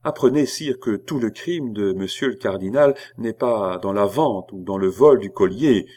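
A man's voice: on the low side, normal speed, mellow, lightly acted. A man reading an audiobook and voicing an indignant, scornful queen who bursts into vehement accusations. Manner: vehement, scornful, rising to outbursts. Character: proud, indignant queen, woman.

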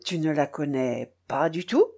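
A woman reading an audiobook, lowering her voice to play a calm, stern gentleman asking questions. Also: takes it slowly, natural voice. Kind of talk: audiobook character voice.

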